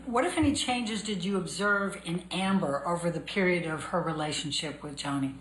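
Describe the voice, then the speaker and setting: A woman attorney questioning a witness in court, brisk and businesslike. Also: lowish voice, fairly bright tone. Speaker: trial attorney. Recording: echoey courtroom recording, faint noise.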